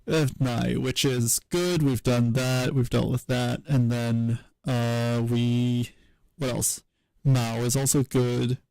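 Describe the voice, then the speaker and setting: A man streaming as he works through a linguistics problem, thinking aloud in a hesitant, wry way with many pauses. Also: mid-range voice, little pitch movement, vocal fry, mellow, no room sound. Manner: hesitant self-talk with many pauses and fillers.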